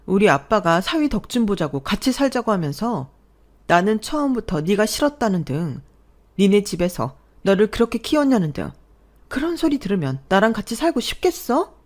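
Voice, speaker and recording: An angry young wife, voiced by a woman confronts her husband in a radio drama. She speaks sharply with a raised voice, and her pitch swings widely. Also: lively intonation, moderate pace, a little mellow, lightly acted. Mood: fed up. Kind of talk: Korean radio drama acting.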